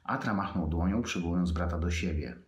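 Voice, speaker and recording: Deep-voiced man reading his own fiction. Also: brisk. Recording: echoey room.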